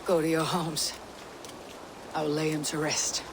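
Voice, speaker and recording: A woman playing a resolute Viking clan leader in a video game, speaking in a grave, commanding, deliberate manner. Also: deep voice, little pitch movement, background noise. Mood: grieving. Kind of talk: dramatic video game acting.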